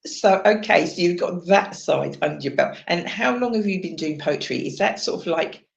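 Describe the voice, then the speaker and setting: A woman hosting a casual chat show winds through her questions, restarting and circling back as she talks. Her voice has a gravelly edge and carries a roomy echo. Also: fairly low pitch, lively intonation, normal speed. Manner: chatty, rambling, restarts questions.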